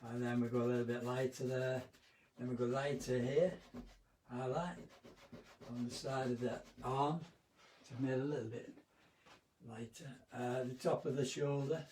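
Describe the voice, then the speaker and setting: A man giving a relaxed, rambling painting demonstration as an art instructor, often correcting himself. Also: mid-range voice, distant mic, a little hiss or hum. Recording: roomy echo, off-mic.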